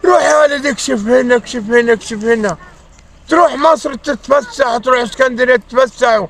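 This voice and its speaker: A man playing a high-voiced scolding old rural father. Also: fast talker, a little hiss or hum. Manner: high strained complaining voice, pleading and scolding. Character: aging rural Upper Egyptian father, nagging and weary. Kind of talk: sketch comedy acting.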